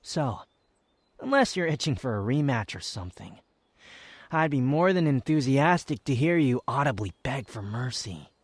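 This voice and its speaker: A man performs a haughty young male wanderer with a sardonic edge, made for intimate roleplay audio. His phrasing is formal and halting, with lively, swooping intonation. The sound is close and very dry. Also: medium pitch, breathy edge, no echo. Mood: smug, menacing. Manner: haughty, formal wording, halting, sighs and scoffs. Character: aloof, proud, sardonic young male wanderer confessing reluctant affection. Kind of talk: intimate scripted roleplay ASMR, fan audio drama.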